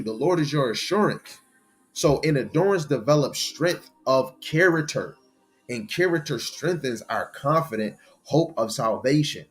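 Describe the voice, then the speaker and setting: A man teaching a sermon-style Bible lesson in a conversational way, often checking in with "right?" and reading scripture slowly. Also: a little high.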